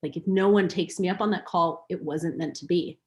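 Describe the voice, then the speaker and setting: A woman's voice: on the low side, fairly quick, a little mellow. A woman hosting a workshop webinar, talking in a flowing, filler-heavy way and acting out quoted voices. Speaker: workshop host. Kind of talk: webinar teaching.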